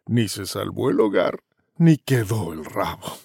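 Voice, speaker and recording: A man's voice: lowish voice, expressive, a little slow, vocal fry, darkish tone, slightly rough, dry recording, studio quality. A man reading a rhyming children's tale aloud in a playful, theatrical, chuckling way. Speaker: storyteller.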